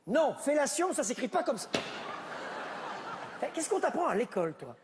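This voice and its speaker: A man's voice: very high voice, sing-song, moderate pace, big-room sound, background noise. A man performing a comedy sketch on stage, bickering sarcastically with unseen family members over a board game. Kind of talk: stand-up sketch, one-man show.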